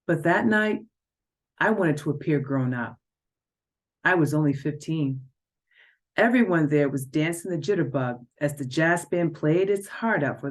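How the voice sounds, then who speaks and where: Low-voiced woman reading her novel aloud. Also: darkish tone. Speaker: author reading her own book.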